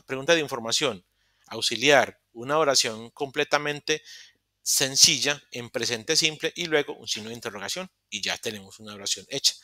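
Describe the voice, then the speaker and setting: Male teacher, online lesson, patient step-by-step explainer with a bright tone on a dry, close computer mic. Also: mid-range voice, no echo. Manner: explains step by step, repeats phrases, self-corrects. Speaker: English teacher. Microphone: computer microphone in a virtual session.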